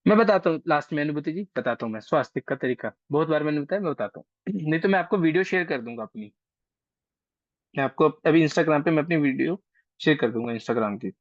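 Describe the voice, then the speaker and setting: A man's voice: on the high side, lively intonation, quick pace, no echo. A man teaching an online astrology class in a casual, chatty way, coaxing and teasing his students, heard over a video call. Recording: dry, dull lo-fi call audio.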